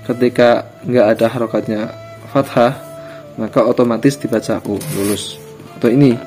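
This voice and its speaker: A man's voice: medium pitch, darkish tone. Patient man teaching with faint music. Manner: patient, repeats and corrects himself. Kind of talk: screen lesson on Pegon script.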